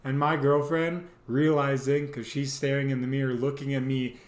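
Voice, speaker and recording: Speaking at a moderate pace with a medium-pitched voice, this male host shares a funny, laid-back personal anecdote. He animatedly performs the quoted lines and sound effects, and the audio has an echoey, roomy quality.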